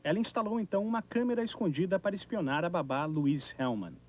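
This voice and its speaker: A man's voice: high voice, lively intonation, quick pace. A man with a Brazilian accent narrating a scripted TV news report, recorded on an old VHS tape. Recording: noisy 1990s VHS tape of TV broadcast.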